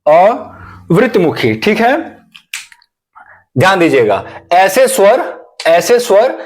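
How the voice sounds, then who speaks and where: A man's voice: sits high, big pitch swings, takes it slowly. A man teaching an exam-prep grammar lesson, asking questions and answering them himself while repeating each key term. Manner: addresses viewers as friends.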